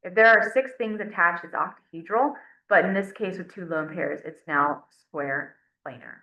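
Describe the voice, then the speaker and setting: In a classroom lecture, a woman with a slightly low voice for a woman explains chemistry step by step, counting aloud as she works at the board. She talks at a normal speed with a sharp tone. The audio is dull and lo-fi, echoing like a large classroom.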